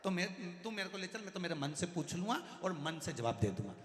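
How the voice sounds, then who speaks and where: A man voicing a hard-of-hearing old grandfather who shouts everything, oblivious to how it lands, recorded in an echoey hall. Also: high-pitched, very animated, brisk. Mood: insistent.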